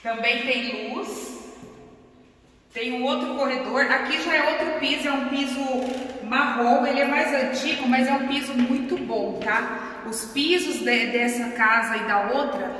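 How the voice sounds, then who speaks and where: A woman's voice: a little slow, a bit bright. A woman hosting a house-tour vlog, chatty and guiding viewers room by room, her voice echoing strongly off the bare walls of an empty house. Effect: strong echo bouncing off bare walls. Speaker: vlog host. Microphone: camera held by another person some distance away. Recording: booming echo, long reverb, distant from the mic, faint hiss.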